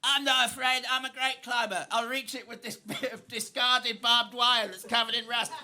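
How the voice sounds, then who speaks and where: A man's voice: extremely high pitch, level tone, moderate pace, bright, forceful tone, voice pushed up, exaggerated voice. A man voicing a reckless, boastful Cockney boy at a live comedy show. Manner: boastful, brash. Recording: live club with audience laughter.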